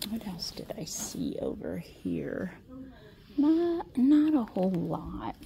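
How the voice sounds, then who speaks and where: A woman's mid-range voice swoops wildly in pitch as she chats slowly, with vocal fry and background noise. She's a Midwestern American vlogging a casual shop-with-me outing on her handheld phone in a large indoor store, talkative and often dropping into a whisper.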